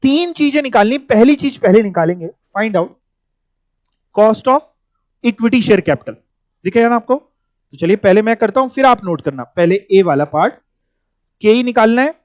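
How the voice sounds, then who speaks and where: A man's voice: high-pitched, animated, unhurried, pauses often, no echo. A man teaching a finance class, explaining formulas step by step, repeating key words and asking students to follow along. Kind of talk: classroom lecture. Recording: dull, dry lo-fi recording.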